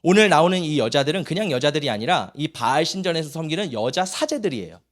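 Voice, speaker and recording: A man's voice: a little high, very animated, fast. A male pastor preaching a Sunday sermon, telling stories and acting out children's voices.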